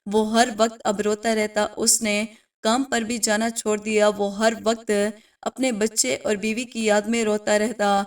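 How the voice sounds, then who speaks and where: A woman's voice: medium pitch, level tone, distant mic. A woman storyteller narrating a moral story with emotional, dramatic storytelling.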